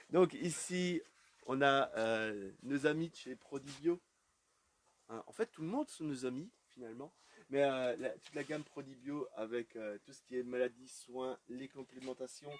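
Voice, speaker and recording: Brief: male shop-tour host, relaxed and chatty, mid-range voice, indoor shop ambience. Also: medium pitch, a little slow, a little hiss or hum. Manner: casual, chatty, many fillers. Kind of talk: live shop walkthrough.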